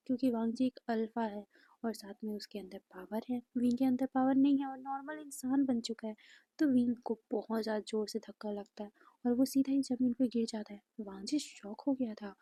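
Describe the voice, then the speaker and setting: A woman narrating a fan fiction story in a soft, breathy way that often drops near a whisper, recorded close to the mic. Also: a little high, no room sound.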